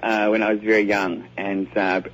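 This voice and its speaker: A man, a guest speaking calmly and deliberately by phone in a radio interview. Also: on the low side, dull audio, a little hiss or hum. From Canada, raised in Australia. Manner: calm, deliberate, many hesitations. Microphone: phone line.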